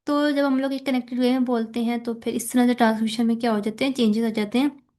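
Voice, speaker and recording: A woman's voice: fairly high pitch, fairly even intonation, quick pace, a little mellow. A woman with a Pakistani accent teaching a recorded lecture. She explains step by step, mixes in English terms and keeps checking in with students.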